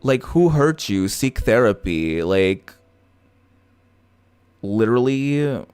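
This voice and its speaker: He has a medium-pitched, darkish, smooth voice that is very animated yet slow, captured in a dry recording. The native Portuguese-speaking gaming creator is streaming a visual novel, giving casual commentary that's sassy and opinionated, with free swearing and background music.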